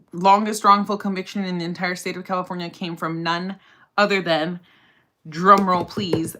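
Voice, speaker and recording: A woman talks casually to her livestream viewers, answering questions about the legal world between makeup steps. Her voice is bright and forceful, set a touch low, and she keeps up a loose, chatty flow full of fillers and side remarks. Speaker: livestream host and criminal defense lawyer. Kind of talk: casual livestream chat while doing makeup.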